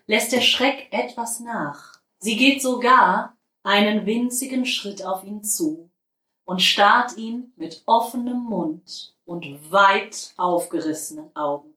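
A woman narrating a children's storybook in a soft, calm, expressive way. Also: mid-range voice, slow, roomy sound, poor audio.

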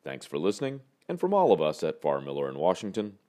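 A man hosting a morning brief, reading scripted market news in a measured, formal newsreader delivery. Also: very deep voice, huge pitch swings, mellow.

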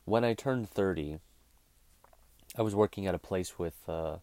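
A podcast host in his thirties rants casually on his own show, blunt and freely profane. His low-pitched voice is darkish and a little slow, captured in a dry recording.

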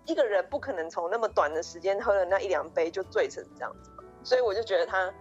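A woman's voice: medium pitch, animated, quick pace, highs cut off, soft background music. A young woman co-hosting a podcast, eagerly retelling a story with many restarts and quoted dialogue. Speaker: podcast co-host. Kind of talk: casual storytelling chat.

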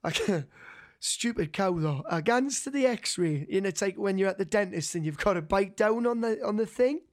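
A man's voice: high-pitched, normal speed. A young man with a Geordie accent telling an anecdote casually to friends, slangy and sweary, acting out what people said. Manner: sweary, slangy, animated storytelling that acts out quoted dialogue.

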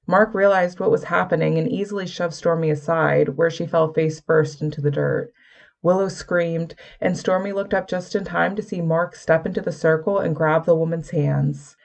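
Gravelly-voiced woman narrating a novel. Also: fairly low pitch, fairly even intonation, moderate pace, darkish tone. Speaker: audiobook narrator. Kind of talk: scripted narration.

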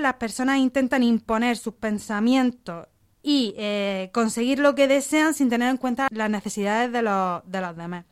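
Calm, clear-voiced psychologist woman. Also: on the high side. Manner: calm, methodical, explaining in structured lists. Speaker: psychologist guest. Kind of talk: explanatory radio interview answers.

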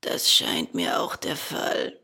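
A woman voicing a calm, resigned old male dolphin with a hoarse voice. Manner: calm, unhurried.

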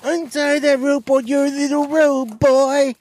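A man putting on a high, squeaky falsetto to play a creepy, leering old male priest in a comedy bit. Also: level tone, slow, darkish tone, a little hiss or hum.

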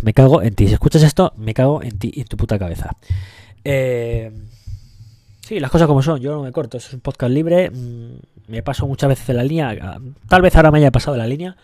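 A man's voice: medium pitch, warm tone, dry recording, studio quality. Profane Spanish-accented man ranting on a podcast. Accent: Spain Spanish. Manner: crude, profane and joking; rambling, loses the thread. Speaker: podcast host. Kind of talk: casual solo podcast rant.

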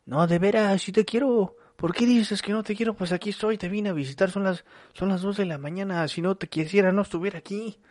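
Man putting on a high, whiny lover pleading his case; defensive, with a strained, unusual tone. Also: a little fast, darkish tone, no room sound.

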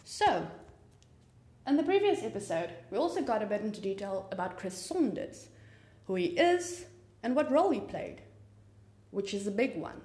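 With a mellow, mid-range voice, this podcast host is very animated, keeping a moderate pace broken by long pauses in an echoey room. She's from South Africa, speaks Afrikaans as her first language, and chats informally about true crime in a South African accent, wandering into asides from a home room with papers on her desk.

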